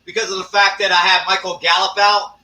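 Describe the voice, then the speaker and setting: A man hosting a live stream, talking casually and ranting with lots of swearing and drawn-out fillers. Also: high-pitched, level tone, bright, forceful tone, far from the mic. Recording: echoey room, off-mic.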